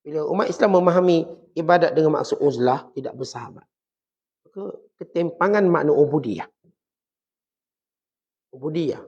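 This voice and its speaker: A man with a Malaysian Malay accent gives a relaxed religious lecture, his fairly high voice gravelly with fry. He teaches in a chatty way, with homely, humorous examples for his listeners. The recording is dull and lo-fi. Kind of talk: mosque lecture on Sufism.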